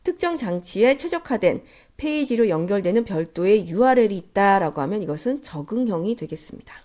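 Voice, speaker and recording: Female lecturer, congested and nasal from a head cold, animated pitch movement, courteous step-by-step teaching delivery. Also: a little fast. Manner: polite, explanatory. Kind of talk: instructional slide lecture.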